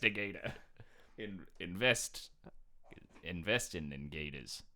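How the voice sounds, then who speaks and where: A man's voice: sits low, lively intonation, measured pace, bright, forceful tone. A young man co-hosting a casual podcast chat, joking and laughing, with lots of "like". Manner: joking, laughs often, fillers like "like". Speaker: podcast co-host.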